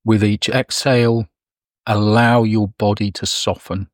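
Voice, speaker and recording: A man leading a guided meditation, speaking softly and soothingly with long pauses. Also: fairly low pitch, flat delivery, dry recording, studio quality. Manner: slow, soft, soothing delivery with long pauses.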